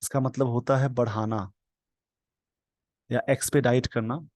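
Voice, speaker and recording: A man's voice: medium pitch, fairly even intonation, a little mellow, no echo. Man explaining English vocabulary. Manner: reads English slowly word by word, then explains quickly. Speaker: teacher. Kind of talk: explaining an English newspaper editorial.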